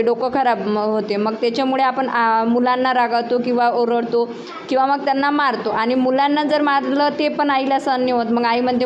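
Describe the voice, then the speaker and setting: A young mother and vlogger casually tells viewers her complaints while speaking to camera. Her voice sits high, with slight background noise. She often turns to the audience with rhetorical questions.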